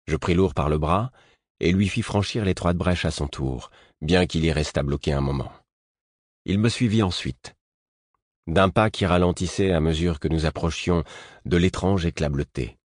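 A man with a very deep voice reads a first-person story aloud in a steady, measured way. The recording is dry and close, with no room sound. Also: no echo. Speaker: audiobook narrator. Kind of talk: scripted first-person narration.

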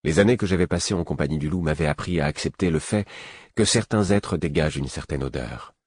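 Deep husky male audiobook narrator. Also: a little fast, no echo. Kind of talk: scripted first-person fantasy narration.

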